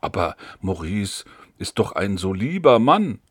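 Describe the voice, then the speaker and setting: A man's voice: fairly low pitch, very animated, measured pace, slightly rough, no echo, clean studio sound, exaggerated voice. A man reading the part of an earnest, trusting young woman in an audiobook, in a pleading tone.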